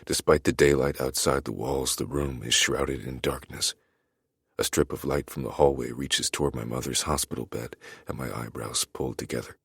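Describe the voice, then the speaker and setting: Very deep, gravelly male narrator. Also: fairly bright tone, no echo, clean studio sound. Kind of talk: first-person audiobook narration.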